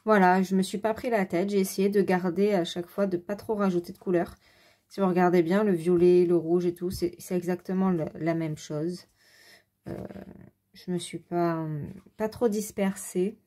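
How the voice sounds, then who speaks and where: A woman casually showing her coloring books, rambling with fillers and quick self-corrections. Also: on the low side, steady tone, mellow. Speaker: adult coloring hobbyist. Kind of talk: casual show-and-tell.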